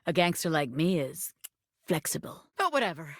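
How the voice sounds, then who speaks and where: A woman playing a cocky, excitable bobby pin gangster in a video game, talking in swaggering wiseguy slang. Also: sits low, moderate pace, dry recording, studio quality, exaggerated voice. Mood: defensive swagger. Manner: brash wiseguy slang, swaggering, calls people baby. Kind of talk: video game character acting.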